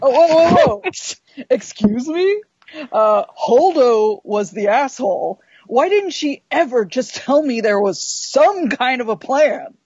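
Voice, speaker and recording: A woman's voice: high-pitched, very animated, slow, darkish tone, slightly rough, no room sound, dull audio, full character voice. A woman playing a tipsy, indignant, stammering hotshot in an improvised comic role-play, making excuses. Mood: indignant, defensive. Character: boozy, defensive, evasive male hotshot pilot and his exasperated princess.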